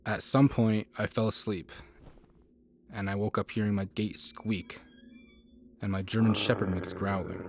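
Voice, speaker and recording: Male narrator, fairly low voice, steady scripted horror storytelling, faint hiss behind.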